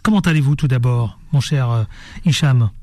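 A man hosting a radio show, talking in a playful, animated way and jumping from topic to topic. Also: medium pitch, normal speed, dry recording. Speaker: radio host. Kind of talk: lively radio show chat. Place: radio studio.

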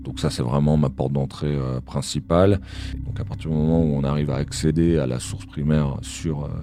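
A man's voice run through a voice changer, dropped to an extremely deep, unnatural pitch. He talks as an analyst guest in an interview, calm and explanatory, pausing often on fillers as he thinks. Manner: measured explanatory talk with frequent hesitations. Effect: voice changer, disguised voice. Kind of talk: podcast interview.

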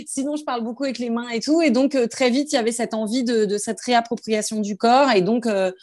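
A woman's voice: on the high side, a little fast, darkish tone, no echo. Thoughtful woman singer, dry close sound. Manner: thoughtful, hesitant, many fillers and restarts. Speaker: singer guest. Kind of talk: interview answers. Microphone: phone held in hand.

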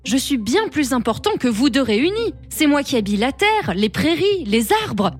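A woman's voice: high-pitched, very animated, normal speed, soft background music. A woman voicing a scornful green colour who boasts of being nature itself. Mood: haughty. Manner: scornful, haughty.

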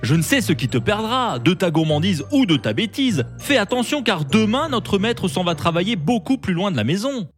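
A woman's voice: mid-range voice, sing-song, normal speed, few pauses, faint music behind, close to an everyday voice. Woman doing a stern, sensible male cat. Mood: warning. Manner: scolding, warning.

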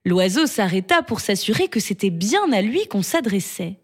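A woman narrating a fable in an expressive storybook reading style. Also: mid-range voice, normal speed. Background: background music.

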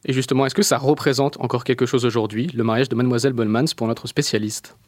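Very quick-talking male presenter. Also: mid-range voice, fairly even intonation, no room sound. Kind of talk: informal radio-style presentation.

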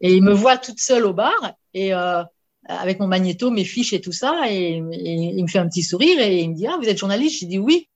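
A woman, a sports journalist, telling an anecdote in casual conversation, animated, with many fillers and repeated words. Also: lowish voice, a little fast, lo-fi sound. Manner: lively storyteller with many fillers and repetitions.

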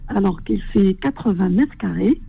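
An older woman from Morocco calling into a radio show, speaking in a halting, hesitant way with frequent apologies. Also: mid-range voice, animated, vocal fry, breathy edge, narrow, tinny audio. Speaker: caller. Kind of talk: phone-in chat.

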